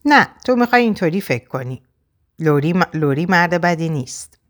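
A woman's voice: on the low side, expressive, natural voice. A woman reading the part of a young married woman torn between her husband and a lover, voiced with pleading emotion. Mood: defensive.

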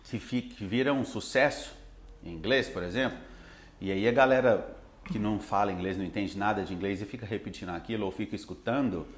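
A Brazilian man who teaches English, talking in a relaxed, rambling way with lots of fillers. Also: lowish voice, brisk, roomy sound. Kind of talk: casual podcast chat.

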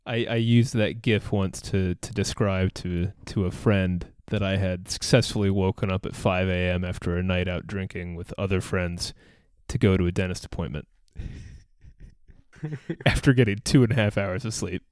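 A man's voice: low-pitched, fairly even intonation, moderate pace, a little mellow, smooth, no echo, clean studio sound. A man co-hosting a podcast, chatting casually about movies with a laid-back, wry manner. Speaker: podcast co-host.

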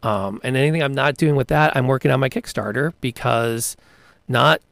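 A podcast co-host and game master chats casually about tabletop gaming, telling game stories with great enthusiasm and frequent restarts. His medium-pitched voice has vocal fry and a fairly bright tone, moving at a moderate pace with no echo.

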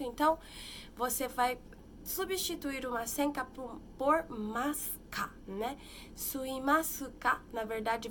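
A woman teaching a casual language lesson, explaining patiently and slowing down to model each phrase. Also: on the high side, a bit bright, a little hiss or hum. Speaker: Japanese teacher. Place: lives in Japan.

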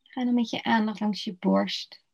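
A woman guiding a slow body-scan relaxation meditation in a soft, soothing voice with long pauses. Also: medium pitch, steady tone, creaky. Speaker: meditation guide. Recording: dull lo-fi recording.

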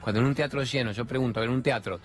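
A man's voice: mid-range voice, rapid-fire. A middle-aged man with a Rioplatense Spanish accent gives a spiritual self-help talk. He speaks emphatically, asks rhetorical questions and uses colloquial slang.

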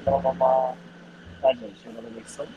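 A man's voice: medium pitch, flat delivery, fairly quick, phone-quality sound, over loud music. A tired man hosting a casual podcast chat, recorded aboard a moving train. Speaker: podcast host.

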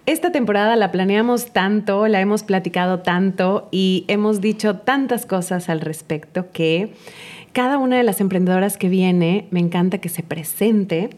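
A woman's voice: medium pitch, normal speed, darkish tone. Host: Mexican woman, eager and welcoming, interview podcast. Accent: Mexican Spanish.

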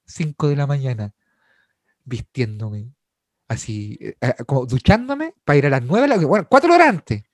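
A young Chilean man telling a story in a casual chat, animated, laughing and full of slang. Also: mid-range voice, normal speed, no echo, studio quality. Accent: Chilean Spanish.

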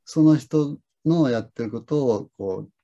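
A man's voice: medium pitch, a little slow, mellow, highs cut off. A middle-aged man hosting a talk on lessons, telling stories in a reflective, rambling way with many fillers. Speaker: lesson host. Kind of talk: casual conversation.

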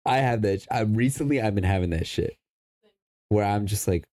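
A man's voice: on the low side, fairly quick, a little mellow, no echo. A young man co-hosting a podcast in casual chat, crude and boastful, swearing a lot. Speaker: podcast co-host.

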